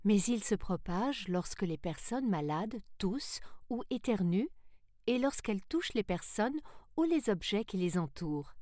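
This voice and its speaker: A woman voicing a mother who is a scientist, explaining things slowly and soothingly. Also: mid-range voice, sing-song, mellow, no room sound, studio quality. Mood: reassuring. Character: gentle mother and scientist, calm and reassuring.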